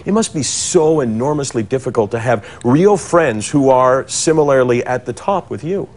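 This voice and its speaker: A man's voice: medium pitch, animated, normal speed, a little mellow. A man hosting a sports talk show, pressing his guest with probing questions. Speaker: talk show host, interviewer. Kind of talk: broadcast sports interview.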